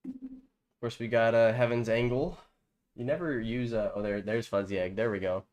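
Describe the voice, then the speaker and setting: A man with a stuffy, congested nose casually talks through a football video game on a live stream from his home setup with a green screen. His medium-pitched voice moves at a moderate pace, relaxed and rambling with plenty of fillers, while background music plays.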